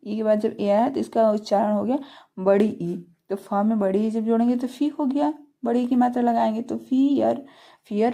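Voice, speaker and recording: A woman teaches English spelling and pronunciation in a patient classroom manner. Her voice is gravelly and dark. She slows right down to spell words letter by letter, then repeats each meaning. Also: on the high side.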